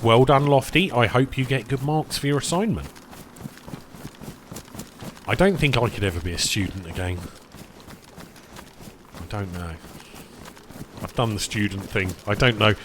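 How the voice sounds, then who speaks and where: There's a little hiss or hum behind this man's low, fairly bright voice as he streams a game and chats loosely with viewers. Chewing as he goes, sometimes mid-mouthful, he wanders between subjects and calls everyone "boys."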